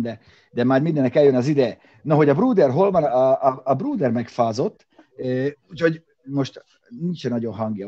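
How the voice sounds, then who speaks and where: A podcast co-host on a casual car show talks in rambling bursts full of fillers and restarts, sitting in a separate room from his co-hosts. His voice is medium-pitched and dark with a breathy edge, and the audio sounds dull.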